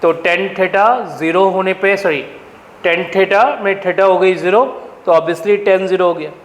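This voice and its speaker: A man's voice: sits high, fairly even intonation, moderate pace, echoey room, in a large hall, low-quality recording. A man teaching a math class, firing questions at his students and answering them himself, with an Indian accent. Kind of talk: classroom lecture.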